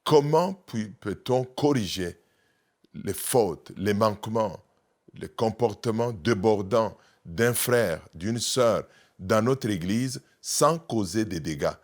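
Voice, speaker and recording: A male pastor with a Congolese French accent, giving a measured sermon-style teaching with frequent pauses and restarts. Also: on the low side, expressive.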